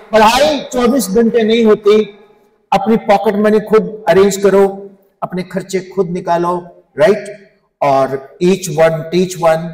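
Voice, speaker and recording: A man in his fifties, a physics teacher giving a humorous, animated motivational talk to students, mixing English phrases into his speech. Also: sits high, background noise. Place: large school hall. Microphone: handheld mic, recorded from a distance. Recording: echoey hall, distant mic.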